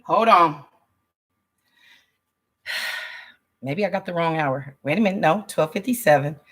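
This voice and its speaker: A woman hosting a casual livestream, chatty and excitable, hyping up her viewers and greeting them by name. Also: on the low side, slow. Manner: excitable, hype-building, chatty. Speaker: livestream host selling wellness coffee.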